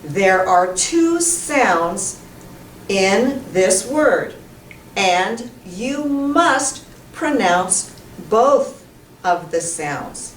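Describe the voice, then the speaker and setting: With big swings in her mid-range voice, a middle-aged American English teacher delivers a deliberate, emphatic pronunciation lesson to camera, clearly enunciating sounds and words. The small indoor classroom has a whiteboard, and the distant camera mic records a roomy sound with faint noise.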